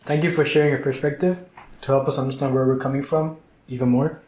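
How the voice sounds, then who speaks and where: A man's voice: medium pitch, little pitch movement, fast talker, a little mellow, echoey room, a little hiss or hum, poor audio. A man hosting a roundtable, asking a guest questions politely. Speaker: roundtable host. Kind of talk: interview question.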